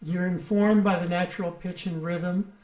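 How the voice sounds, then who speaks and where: A man leading a songwriting workshop over a video call, brisk and coaxing, with some hesitant fillers. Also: sits high, steady tone, a little mellow, echoey room.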